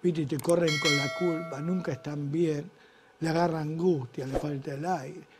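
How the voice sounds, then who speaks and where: A man's voice: a little high, steady tone, moderate pace, background noise. A middle-aged man with an Argentine Rioplatense accent, telling a crude, exasperated stand-up comedy story. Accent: Argentine Rioplatense Spanish.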